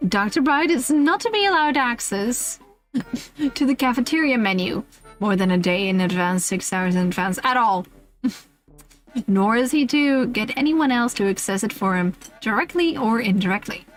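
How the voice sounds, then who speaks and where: A woman streamer reads a comic list aloud on a livestream, giggling and frequently breaking off into casual asides. Her voice is a little high and animated, at normal speed, with faint music behind her.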